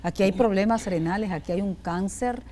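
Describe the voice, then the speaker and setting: A woman's voice: medium pitch, a little fast, dark tone, slight background noise. A woman hosting a health talk show, speaking conversationally and correcting herself often. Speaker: host.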